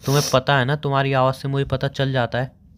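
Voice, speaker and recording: A young man talks quickly and insistently, firing question after question. He scolds and presses in a staged boyfriend phone call. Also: medium pitch, monotone, a little hiss or hum.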